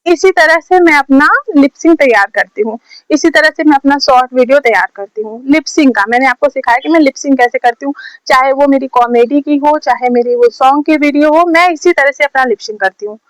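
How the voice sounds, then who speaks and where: A high-voiced woman from India gives a casual home tutorial, filmed on a phone on a stand. She talks in a chatty, repetitive way, hammering each step home. The sound is dry and close, with no room echo. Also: brisk. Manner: chatty, repetitive, drills points over and over. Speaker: short-video creator teaching lip sync. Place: home, recording herself.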